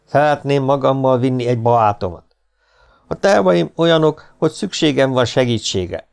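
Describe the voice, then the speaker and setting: A man's voice: medium pitch, expressive, creaky, clean tone, pitched above the performer's own voice. A man reading an audiobook, voicing a polite, earnest aristocratic legionnaire. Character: determined young aristocratic male legionnaire. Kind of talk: audiobook character voice.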